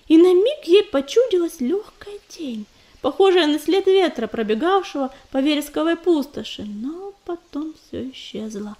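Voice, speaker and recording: A woman narrating an audiobook in an expressive storytelling voice. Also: high voice. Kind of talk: scripted narration.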